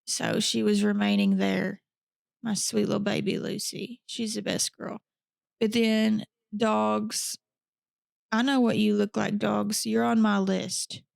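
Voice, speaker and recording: A woman's voice: mid-range voice, level tone, takes it slowly, vocal fry, a little mellow, dry recording. A woman podcast host telling a true crime story in a casual, chatty way, with blunt profane asides.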